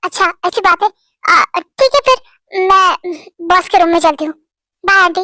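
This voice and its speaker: A woman's voice: very high-pitched, normal speed, bright, forceful tone, no room sound, studio quality. A woman doing a shy stammering young employee. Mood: chatty. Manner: stammering, flustered. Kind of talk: Hindi fan-story voice acting.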